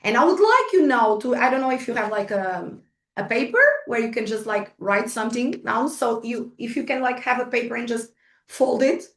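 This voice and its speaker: A Portuguese native speaker with a Portuguese accent gives an online group a chatty motivational workshop talk as a guest speaker. Her voice is a little high and animated at a moderate pace, full of restarts, fillers and little laughs at herself, recorded far from the mic in an echoey room.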